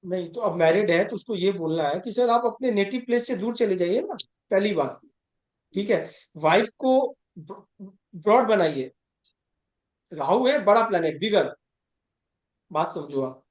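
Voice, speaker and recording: A man's voice: sits high, expressive, unhurried, muffled recording. Emphatic male astrology teacher, roomy sound. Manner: emphatic, keeps checking understanding; mixes English terms into Hindi. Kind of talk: conversational online class. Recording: roomy echo.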